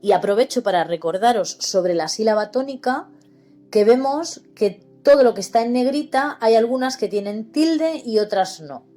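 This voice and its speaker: Spanish-accented woman teaching syllables, slow and patient, highish voice, faint music behind. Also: animated, warm tone. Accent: Spain Spanish. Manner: slow, patient, spells out words. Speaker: literacy teacher for seniors. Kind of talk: explaining grammar lesson.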